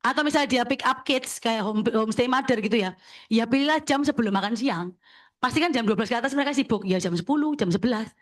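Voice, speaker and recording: A woman, an insurance agency leader briskly coaching listeners and checking in with them as she talks. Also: a little high. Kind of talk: sharing tips at a talk session.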